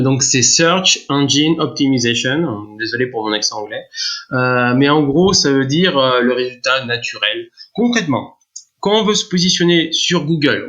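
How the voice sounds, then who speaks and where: A man's voice: a little high, bright, forceful tone. A man explaining his work in a casual podcast interview, with many fillers and restarts. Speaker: guest, SEO consultant.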